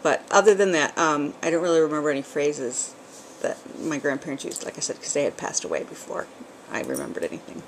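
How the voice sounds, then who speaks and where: Her voice sits low and animated as she chats a little fast with few pauses, a middle-aged New England vlogger whose accent leans partly Southern. Rambling casually with frequent ums and small laughs, she records on a camcorder's built-in mic, and the poor audio carries a slight hiss or hum.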